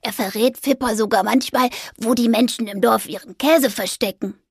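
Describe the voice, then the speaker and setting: A woman voicing a friendly, chatty male squirrel in a children's story, talking in a lively, helpful way. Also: a little high, normal speed, slightly rough, no echo, clean studio sound. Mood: reassuring.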